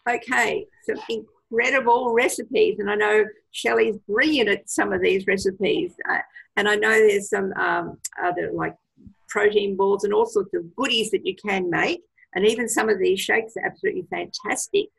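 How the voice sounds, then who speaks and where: Gravelly husky woman on a video call. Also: medium pitch, steady tone, normal speed, poor audio. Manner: enthusiastic, gives advice with many fillers. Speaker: product trainer. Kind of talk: casual presentation on a video call.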